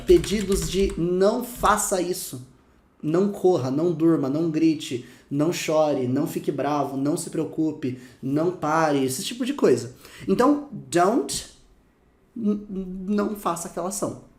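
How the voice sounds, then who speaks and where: A man with a Brazilian Portuguese accent teaching English phrases in a casual lesson, lively and slowing down to repeat the examples. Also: sits high, reverberant. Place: room with dogs barking outside.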